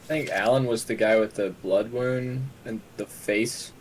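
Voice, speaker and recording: A man's voice: lowish voice, measured pace, slight background noise. A man chatting with a friend during a horror game stream, wry and joking. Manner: wry, joking, laughs easily. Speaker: co-player friend. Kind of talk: casual gaming chat.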